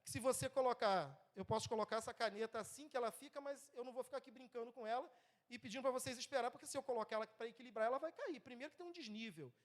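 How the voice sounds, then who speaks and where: A man's voice: very high-pitched, very fast. A man in his thirties with a Brazilian Portuguese accent, preaching a sermon in a church, conversational and often checking in with the congregation. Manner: lively, swings between loud and soft.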